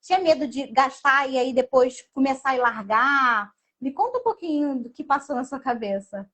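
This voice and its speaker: A woman's voice: high voice, animated, normal speed, fairly bright tone. A Brazilian woman nutritionist hosting a live interview, asking probing questions and often adding question tags. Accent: Brazilian Portuguese. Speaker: nutritionist host.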